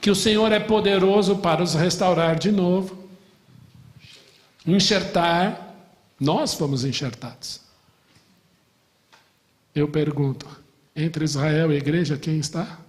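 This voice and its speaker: A man from Brazil, a middle-aged pastor, teaching a lively Bible class, asking the class questions and joking. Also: a little high, a little slow, pauses often, in a large hall. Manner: animated, asks the class questions and jokes.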